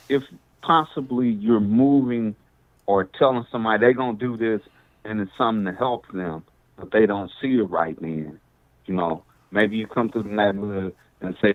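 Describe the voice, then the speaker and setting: A bishop talks through a cell phone speakerphone, and his lowish voice comes across thin and tinny like a phone line. He speaks in a loose, rambling way and drifts into preacherly talk, quoting scripture as he goes. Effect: speakerphone on a cell phone call. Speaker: bishop calling in. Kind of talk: casual talk over the phone.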